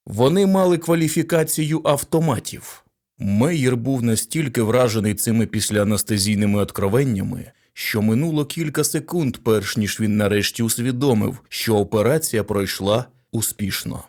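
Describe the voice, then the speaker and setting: A man narrating a science fiction short story as an audiobook reader. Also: mid-range voice. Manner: steady storytelling. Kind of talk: scripted narration.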